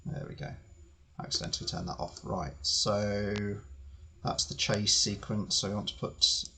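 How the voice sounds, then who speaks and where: A man streaming live as he edits his video, thinking aloud with fillers and restarts, his voice slightly hoarse. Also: on the low side, steady tone, normal speed, bright, forceful tone. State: slightly hoarse, clearing throat. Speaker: channel host editing video. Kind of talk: casual live-stream commentary.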